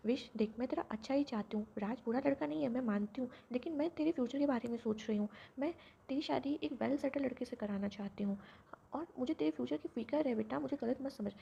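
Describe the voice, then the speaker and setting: A woman's voice: high voice, quick pace, creaky, dark tone, a little hiss or hum. A woman as a stern, scolding mother. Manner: scolding, sceptical. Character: strict, worried middle-aged mother. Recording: dull lo-fi recording.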